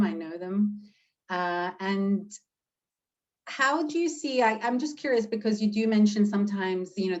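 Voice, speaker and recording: A woman hosting an interview, gentle and unhurried with many fillers, reading out audience comments. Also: mid-range voice, highs cut off. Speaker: host and interviewer.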